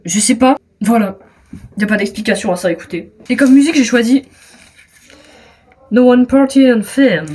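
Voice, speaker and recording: High-pitched teenage French girl chatting. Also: a little mellow, a little hiss or hum. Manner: self-mocking, hesitant restarts, trailing off. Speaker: vlogger. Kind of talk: casual chat.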